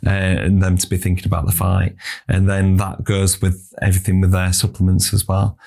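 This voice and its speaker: A man with a very deep voice hosts a podcast, speaking in an even, level tone. He gives reflective advice as a coach and often repeats himself mid-thought. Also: a little fast, creaky. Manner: reflective, advice-giving, repeats words as he thinks. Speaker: podcast host, sports scientist and S&C coach. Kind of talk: casual podcast chat. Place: podcast studio.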